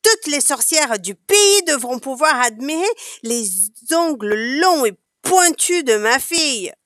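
A woman's voice: sits high, animated, slow pace, a bit bright, no room sound, clean studio sound, voice pushed up, full character voice. A woman voicing a furious, proud witch queen who shrieks and scolds.

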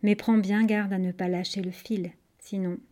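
A woman's voice: mid-range voice, little pitch movement, moderate pace, close to an everyday voice. A woman voicing a timid old architect. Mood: anxious. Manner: hushed, anxious. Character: old timid male architect, fearful, guilt-ridden.

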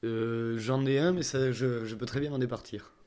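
A man in his twenties from southern France, answering interview questions in a relaxed, chatty way with frequent restarts. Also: mid-range voice, normal speed. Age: 20s. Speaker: young worker interviewee.

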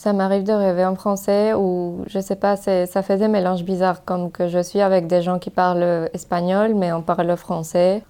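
A woman's voice: on the low side, level tone, normal speed, hardly any pauses, mellow, smooth. A young woman from Mexico, a native Spanish speaker, speaking French with a Mexican Spanish accent in a thoughtful, hesitant interview, with frequent fillers and restarts. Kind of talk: casual interview talk.

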